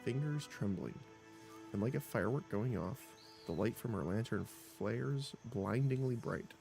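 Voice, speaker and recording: A man streaming a role-playing game, reading its text aloud with expressive narration and quick reactions. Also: medium pitch, creaky. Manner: expressive narration broken by laughs and small exclamations. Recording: voice over game music.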